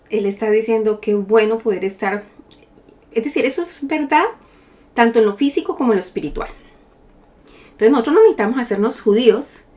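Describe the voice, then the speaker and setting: Woman teaching a slow emphatic bible study. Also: medium pitch, a little mellow. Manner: slow, emphatic scripture reading with rhetorical questions.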